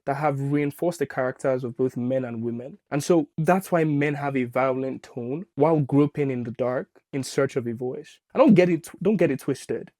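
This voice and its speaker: A man's voice: medium pitch, dark tone, no echo. Opinionated man reacting to clips. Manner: opinionated, hesitant restarts and fillers. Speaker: reaction video host. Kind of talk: casual commentary on clips.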